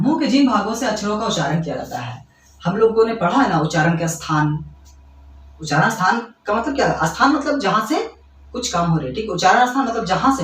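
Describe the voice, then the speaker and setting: A man's voice: high-pitched, a bit bright, recorded from a distance, a little hiss or hum. A man teaching grammar to school students. He keeps checking that they follow along and calls them kids. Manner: explains by repeating, checks in with "ठीक है" and quick questions to students; addresses students fondly as kids. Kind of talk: classroom-style lesson explanation. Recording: echoey room, away from the mic.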